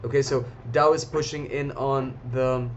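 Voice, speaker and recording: A man's voice: mid-range voice, fairly even intonation, measured pace, slight background noise. A man hosting a live stream and commenting on markets in a casual, chatty way, talking straight to his viewers. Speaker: trading stream host. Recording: slightly dull lo-fi audio.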